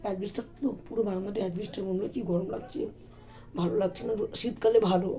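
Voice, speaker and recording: A middle-aged woman with a hoarse, sore voice, chatting and complaining to viewers in a casual home vlog. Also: mid-range voice, fairly even intonation, fast talker, dark tone. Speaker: vlogger. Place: home, indoors.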